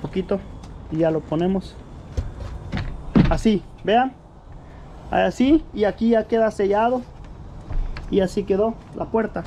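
A man talks through building a workbench outside his shed and explains each step plainly. He keeps checking in with the viewer as he goes. The sound is echoey, with steady noise behind him. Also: high-pitched, unhurried, long pauses. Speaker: home repair vlogger. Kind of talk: casual how-to narration. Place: outdoor workshop by a shed.

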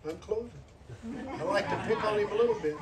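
Over a noisy crowd, a man in his sixties preaches fast in a high voice, captured from a distance. He's a guest preacher delivering an earnest sermon with an altar call, hammering phrases through repetition.

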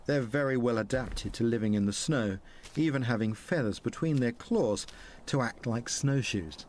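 In documentary narration, a middle-aged wilderness presenter with an English accent calmly explains outdoor skills with friendly enthusiasm for nature. His voice is mid-range, picked up by a clip-on mic in a snowy forest with faint ambient noise underneath.

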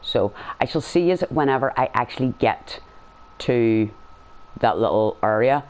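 A man's voice: medium pitch, unhurried, darkish tone. A man giving casual game commentary as a video host, rambling, blunt and slangy.

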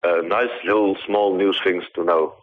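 A Dutch video artist from the Netherlands answers interview questions over a poor phone line. His voice is low, fairly even in intonation, and moderately paced, and he sounds hesitant, with lots of ums.

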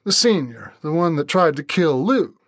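A man voicing a surly young man with a slow Deep Southern drawl, answering curtly. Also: very animated, dry recording, clean studio sound. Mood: dismissive.

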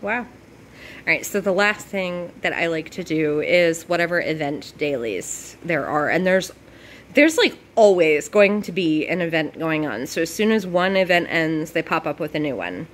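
A woman with a deep voice and lively intonation hosts a casual gameplay video at a normal speed. She's bubbly and gushing, sprinkling "like" heavily throughout her talk.

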